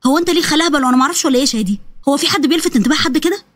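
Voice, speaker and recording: Lively young Egyptian woman, teasing and caring, high bright voice, read by a woman narrator, rapid, dry close mic. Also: no room sound. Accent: Egyptian Arabic. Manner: teasing, excited.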